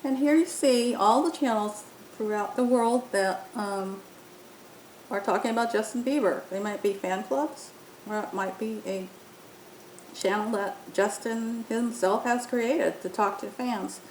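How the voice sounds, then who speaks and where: A woman walks through an app tutorial step by step in an informal narration, speaking a little slowly with a darkish tone. The recording has a roomy echo and a faint rumble in the background.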